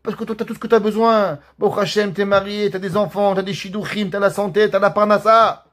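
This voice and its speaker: A man playing a calm, patient community rabbi who lectures his friend in a told story. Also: high-pitched, a little fast, pitched above the performer's own voice. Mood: lecturing.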